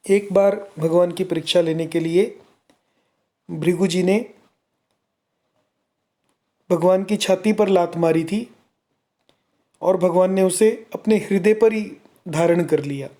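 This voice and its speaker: A woman's voice: fairly low pitch, warm tone. A woman explaining devotional verses line by line. She recites each verse phrase and then explains it word by word. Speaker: scripture teacher.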